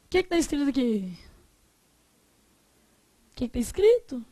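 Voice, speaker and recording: A Brazilian woman teaching a Portuguese class, chatty and joking, slowly drawing out the example words. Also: sits high, very animated, dark tone. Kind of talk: classroom lesson.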